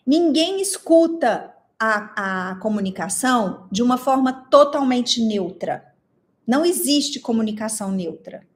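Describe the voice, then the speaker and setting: A woman with a Brazilian Portuguese accent teaching an online class, expressive and asking her audience lots of questions while reading their chat replies. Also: high-pitched. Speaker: instructor.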